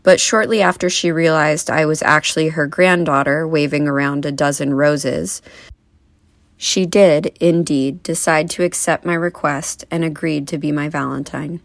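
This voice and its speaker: A young woman speaks at a memorial, delivering a eulogy full of wry, gently humorous stories. Her voice sits low for a woman. The sound is dry and close, with no room echo. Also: steady tone, normal speed, creaky. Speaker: granddaughter giving a eulogy. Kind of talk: eulogy speech.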